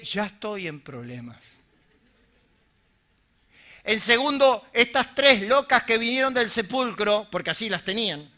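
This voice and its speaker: A man with a Rioplatense Spanish accent preaching a sermon, dramatic and joking, swinging from loud outbursts to hushed murmurs. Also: very high voice.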